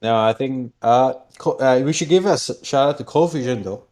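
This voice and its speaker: A project guest from Singapore chats casually in a medium-pitched, darkish voice at normal speed. He sounds hesitant, often repeating words and laughing.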